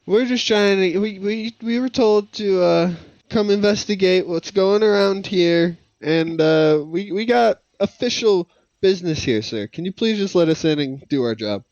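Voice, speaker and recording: A man's voice: high voice, rapid-fire, few pauses, voice pushed up. A man voicing an anxious, overly polite adventurer in a tabletop game, pleading and stammering. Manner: pleading, repeats "sir". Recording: dull, dry lo-fi mic.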